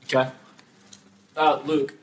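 A man's voice: mid-range voice, flat delivery, slow pace, slight background noise. A young man hosting a casual group podcast, quizzing his friends and laughing often. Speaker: podcast host.

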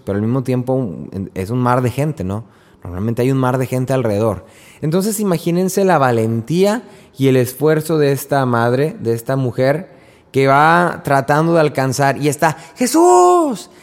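A man's voice: a little high, darkish tone, big-room sound. A man giving an informal Sunday homily, telling stories and acting out the people he quotes. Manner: chatty storyteller who acts out quotes in raised voices. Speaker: preacher.

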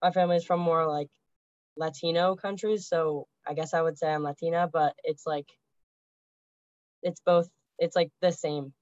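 A woman's voice: deep voice, fairly even intonation, normal speed, darkish tone, dry recording. A young college woman talking casually and tentatively, hedging her words. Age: young adult. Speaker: student athlete. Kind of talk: casual discussion. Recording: dull dry lo-fi sound.

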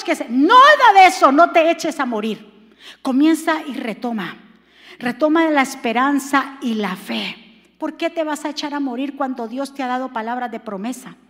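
Woman pastor, very high and bright, fervent sermon delivery with shouted peaks, reverberant church hall. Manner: preaching with sudden rises to shouting.

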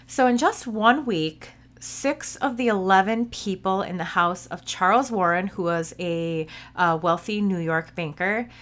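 A woman's voice: mid-range voice, fairly bright tone. A woman hosting a podcast, telling true stories in a casual, informal way with some swearing. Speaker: podcast host.

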